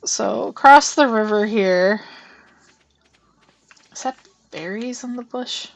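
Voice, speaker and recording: A woman's voice: a little high, slow pace, gravelly. A young woman streaming a farming game, chatting casually and talking through each move she makes. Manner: chatty, narrates her gameplay aloud, hums to herself. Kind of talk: casual live-stream chat.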